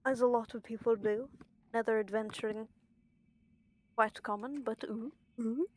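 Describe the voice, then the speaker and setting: Young British female game streamer, highish voice, lisped slushy s, rambling and sweary, some background noise and clicking. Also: fairly even intonation, normal speed. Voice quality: lisp with slushy s. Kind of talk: casual chat while gaming.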